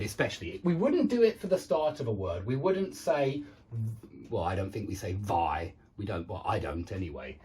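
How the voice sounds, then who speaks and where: An English pronunciation teacher leads a lesson in a mid-range, darkish, husky voice, repeating examples with careful enunciation. He or she is frank and self-deprecating about their own difficulty while demonstrating the sounds.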